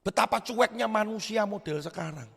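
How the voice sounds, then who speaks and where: Male pastor preaching to youth, animated, high and gravelly, echoing through a big hall. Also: moderate pace. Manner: lively preaching, swings from shouts to quiet asides. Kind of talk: youth sermon. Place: church hall. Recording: echoey church hall.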